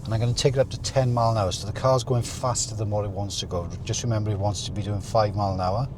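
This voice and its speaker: Low-voiced male driving instructor. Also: quick pace. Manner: calm step-by-step driving instructor delivery. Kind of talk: instructional talk-through while driving. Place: inside a moving car. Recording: car interior with faint vehicle noise.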